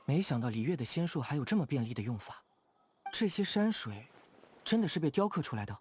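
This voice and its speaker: A man voices a hardy, easygoing young idealist in a video game, speaking frankly and casually in a relaxed, appreciative mood. His voice is a little high and a little mellow, sing-song and quick, with slight background noise.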